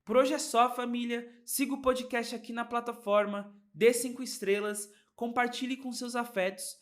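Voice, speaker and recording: A man's voice: high voice, fairly bright tone. A Brazilian man hosting a podcast and reading a reflective closing message to his listeners. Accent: Brazilian Portuguese. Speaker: podcast host. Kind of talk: scripted podcast outro.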